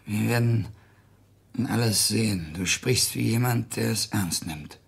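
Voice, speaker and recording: A man voicing a tormented, broken sick man who pleads in a hushed, half-whispered, husky voice. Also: lowish voice, unhurried, exaggerated voice. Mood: pleading.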